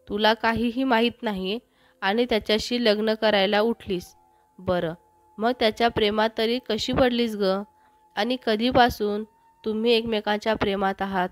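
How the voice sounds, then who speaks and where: A woman's voice: a little high, fairly even intonation, normal speed, no room sound, close to an everyday voice. A caring aunt coaxes firmly but kindly, as a woman storyteller reads her part. The voice is dry and close, with faint music behind.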